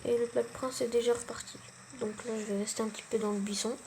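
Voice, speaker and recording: A woman's voice: a little high, little pitch movement, fast talker, darkish tone, slight background noise. A young woman giving casual, self-mocking gameplay commentary, full of gamer slang. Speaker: gaming channel host.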